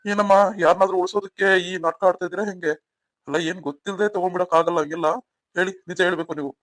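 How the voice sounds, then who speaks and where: A man's voice: sits high, fairly even intonation, racing, a bit bright, no room sound. A man voicing a stern male police officer who questions sharply in a cartoon story. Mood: questioning. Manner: probing, stern.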